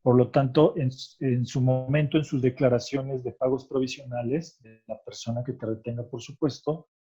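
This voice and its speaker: A tax expert guest with a Mexican Spanish accent patiently explains tax rules in conversation, often checking that he's understood by adding "¿ok?" after his points. His voice is mid-range, steady and mellow with a breathy edge, at normal speed, and the sound is lo-fi.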